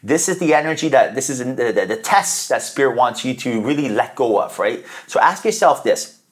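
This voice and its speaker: Tarot reader, male, mid-pitched voice, earnest coaching delivery with lots of "right?" tags and sudden pitch jumps when he acts out inner voices. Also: animated, moderate pace. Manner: earnest, coaching tone with frequent "right?" tag questions. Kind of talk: spiritual tarot reading monologue.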